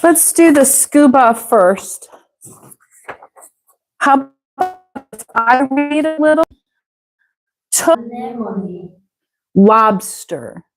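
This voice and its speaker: A woman with an Ohio accent teaching an English pronunciation class, slowly repeating words for her students to say after her. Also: high-pitched. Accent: Ohio American English. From Ohio, USA. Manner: slow, patient, repeats words for students to echo. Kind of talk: live online English pronunciation lesson.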